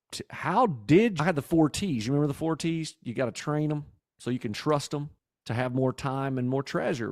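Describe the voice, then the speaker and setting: A man's voice: on the high side, darkish tone, no echo, studio quality. A man hosting a business podcast and coaching, enthusiastic and affirming as he tells stories. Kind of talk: podcast interview.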